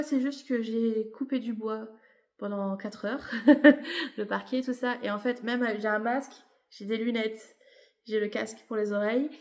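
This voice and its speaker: She speaks a little high with a darkish tone, and the room adds reverb. A knitting vlogger fighting a cold and some tiredness, she explains her projects in a chatty, meandering show-and-tell full of fillers and restarts.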